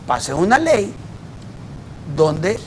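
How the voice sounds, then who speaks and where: A man's voice: high voice, sing-song, very slow, a little mellow, a little hiss or hum, low-quality recording. A man, a guest auditor explaining his point emphatically in an interview, working through examples. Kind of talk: debate in a TV interview.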